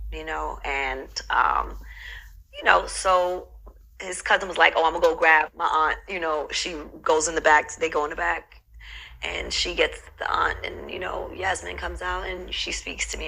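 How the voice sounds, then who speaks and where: Middle-aged woman, bright and edgy tone, storytelling guest with lots of fillers. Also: low voice, creaky, slight background noise, low-quality recording. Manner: reflective, heavy with "you know" fillers. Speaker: interview guest. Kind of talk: casual storytelling interview.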